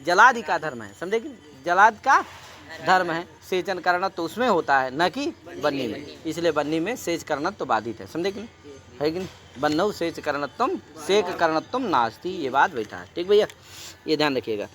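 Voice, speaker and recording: At a moderate pace, a man with a fairly high, sharp voice and big pitch swings teaches a Sanskrit class. He alternates recited Sanskrit texts with explanations in Hindi, repeatedly quizzing his students.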